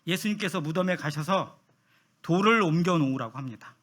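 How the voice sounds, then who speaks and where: Animated, bright-voiced male preacher. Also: on the high side, a little fast. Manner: animated, acts out quoted voices, asks the congregation questions. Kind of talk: sermon.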